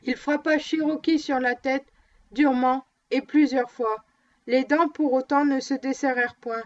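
Woman, audiobook reader, steady even narration, high voice, muffled recording. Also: no room sound. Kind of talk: novel read aloud.

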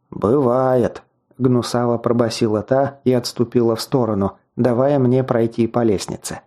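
A man narrating a fantasy novel in the first person, in an even, storytelling manner with wry asides. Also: mid-range voice. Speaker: audiobook narrator.

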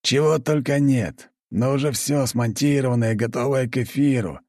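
A man's voice: mid-range voice, moderate pace, darkish tone, no room sound, studio quality, voice pushed up, close to an everyday voice. A man voicing a blunt, chain-smoking count who swears and talks sardonically, reading an audiobook. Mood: sardonic.

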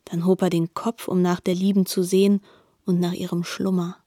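A woman narrating a literary radio drama in a soft, often half-whispered voice. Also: fairly low pitch, little pitch movement, normal speed, no echo, clean studio sound.

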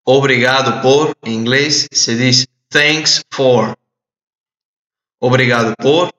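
A man teaching English in a recorded audio lesson, repeating phrases slowly and clearly for learners to translate. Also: mid-range voice, fairly even intonation, a bit bright. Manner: slow, deliberate drilling with repeated phrases. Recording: echoey, dull lo-fi audio.

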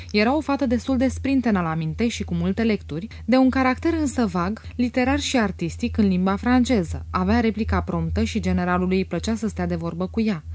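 A woman reading a classic novel aloud in a measured, even audiobook narration. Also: medium pitch, no room sound.

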